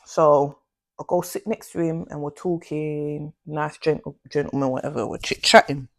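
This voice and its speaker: A young woman telling a slangy, animated storytime vlog. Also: low voice, normal speed, gravelly. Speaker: vlogger.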